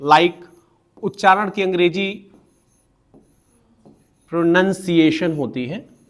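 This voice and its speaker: A man teaching pronunciation, explaining syllables patiently and spelling out words slowly. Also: high voice. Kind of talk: classroom-style explanation.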